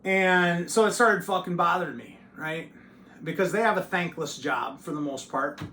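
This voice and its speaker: A man who hosts his own channel, telling a story to camera in a loose, profane and animated way. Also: high-pitched, moderate pace, roomy sound. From United States. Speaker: channel host.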